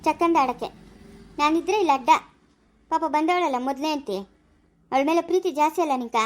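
A woman's voice: a little fast, a little mellow, lightly acted. Woman playing a tearful wronged young wife. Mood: bitter, accusing. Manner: high plaintive wailing and bitter accusing. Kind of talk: amateur family drama acting.

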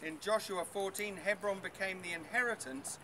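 A middle-aged guide with a high-pitched voice talks at normal speed and a steady tone as he leads an outdoor tour by an old stone wall. He's chatty, says um a lot, and keeps quizzing his audience. The noisy audio comes from a distant camera.

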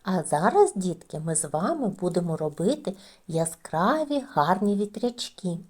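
A woman reading the part of a patient kindergarten teacher, speaking in a gentle, instructive way. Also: lowish voice, very animated, normal speed, breathy edge, voice pushed down.

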